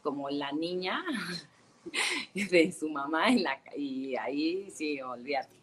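A woman with a low voice and a Mexican accent tells lively stories as an interview guest, filling her talk with "este" and "o sea." She is on a phone call, and a faint noise sits behind her voice. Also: slow. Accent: Mexican Spanish. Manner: animated storyteller, many fillers like "este" and "o sea". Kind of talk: casual interview chat.

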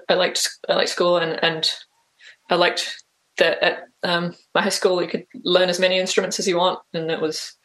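Her voice fairly low and a bit bright, a New Zealand interview guest gives casual answers. She's hesitant throughout, with plenty of "like" and "um" fillers.

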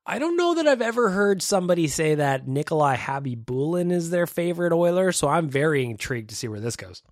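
A man's voice: a little high, big pitch swings, fairly quick, no echo. A Canadian man hosting a casual podcast alone in a home studio, wry and self-deprecating as he reacts to voicemails. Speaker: podcast host. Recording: dry close mic with faint music.

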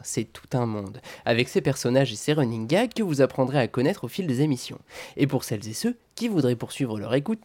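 A man's voice: mid-range voice, darkish tone. A man hosting a comics podcast, reading his scripted intro and review in a playful, self-mocking way with theatrical emphasis.

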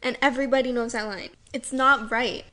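Chatty woman with a bright voice. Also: fairly even intonation, brisk. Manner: chatty, laughs often, drops to a low aside. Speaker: co-host. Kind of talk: casual chat.

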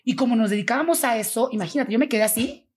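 A Mexican woman, a foundation founder, telling a story in an interview and acting out the dialogue with lively voices. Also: on the high side, rapid-fire, breathy edge. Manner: animated, acts out quoted dialogue.

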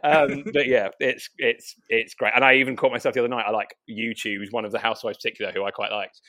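A man's voice: mid-range voice, fairly even intonation, sharp tone. A British man, a writer and journalist, guesting on a podcast, rambling through stories with many restarts. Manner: rapid, rambling storytelling with many restarts and self-interruptions. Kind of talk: casual chat.

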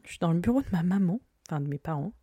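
A woman hosting her podcast in a relaxed, playful chat, pausing often with small hesitations, recorded in her parents' home office. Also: on the low side, husky, no room sound, clean studio sound. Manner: chatty and playful, with frequent hesitations. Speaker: podcast host. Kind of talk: casual chat. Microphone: podcast mic without its usual arm.

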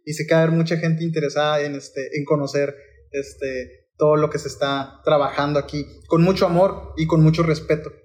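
Polite man hosting, slightly higher. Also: steady tone, a little mellow. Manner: polite, halting, many fillers. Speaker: podcast host. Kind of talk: podcast interview.

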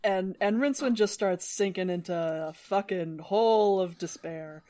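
A woman's voice: mid-range voice, moderate pace, warm tone. A woman co-hosting a casual book-club podcast, talking loosely with restarts and the odd swear. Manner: swearing, laughing, trailing restarts. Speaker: podcast co-host.

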